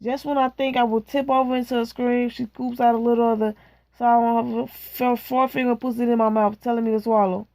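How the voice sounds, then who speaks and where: Woman reading a novel aloud, bright-toned. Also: fairly high pitch, level tone, fairly quick, no echo. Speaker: reader.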